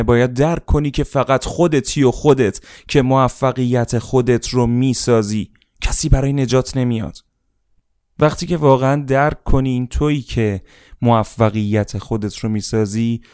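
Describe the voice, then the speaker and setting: A man delivers a motivational seminar speech with a smooth, resonant voice. His delivery is emphatic and repetitive, driving lines home and urging listeners to say them back out loud. The sound is dry and close. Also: mid-range voice, dry recording. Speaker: motivational speaker.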